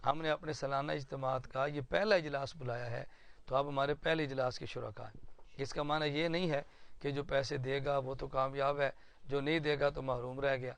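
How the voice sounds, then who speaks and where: Gravelly-voiced cleric addressing a meeting. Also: male voice, mid-range voice, steady tone. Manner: earnest, explanatory, uses stories and examples. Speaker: Islamic cleric addressing his supporters. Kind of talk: informal address to a planning meeting. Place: indoor meeting room.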